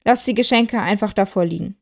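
A woman's voice: medium pitch, fairly quick. A woman voicing a grumpy, impatient old Santa Claus who barks orders and scolds. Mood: resigned. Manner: gruff and bossy, barking orders.

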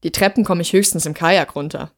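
A woman's voice: on the low side, quick pace, natural voice. A woman reading aloud and voicing a young female student who urges her friends to be careful, in a raised, pressing tone. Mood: urgent.

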